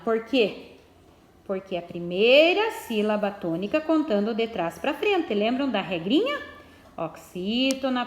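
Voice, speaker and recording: A woman's voice: fairly high pitch, echoey room. A woman teacher, patiently explaining a lesson and reading exercises aloud.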